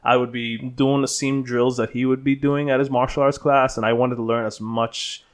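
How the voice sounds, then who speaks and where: A man in his thirties from the Bahamas, a stunt performer telling his story as an interview guest in a relaxed, rambling way full of restarts and fillers. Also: medium pitch, moderate pace.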